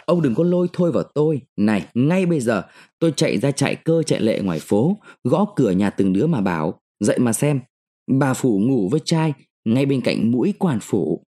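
A male narrator voicing a sharp-tongued, defiant mandarin's wife who scolds and taunts her husband. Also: medium pitch, big pitch swings, brisk.

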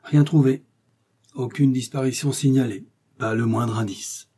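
A man's voice: mid-range voice, steady tone, measured pace, warm tone, breathy edge. A man reading an audiobook, voicing an agitated middle-aged police chief who talks nervously and complains. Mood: exasperated.

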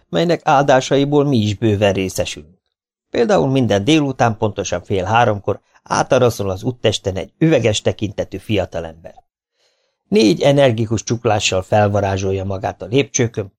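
A man reads a memoir aloud for an audiobook, telling it in a dry, wry way. His voice sits low with a darkish tone and some vocal fry.

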